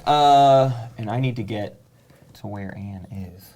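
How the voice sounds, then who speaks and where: A man playing a board game, thinking out loud playfully and throwing in silly sound effects. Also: mid-range voice, unhurried. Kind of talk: casual chat during gameplay.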